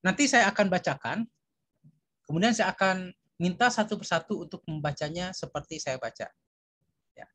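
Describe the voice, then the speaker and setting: A man teaching an Arabic lesson online, reciting short phrases slowly and carefully for students to repeat. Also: high voice, animated, a bit bright. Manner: slow, deliberate recitation drills.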